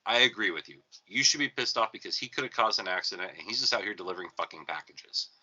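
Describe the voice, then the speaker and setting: A man's voice comes through thin and tinny with no bass at all, like a speakerphone across the room. His tone is very bright and sharp. He hosts a casual chat and tells a rambling story peppered with swearing. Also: lively intonation, quick pace. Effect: thin, tinny sound with no bass, like a speakerphone across the room. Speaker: podcast host.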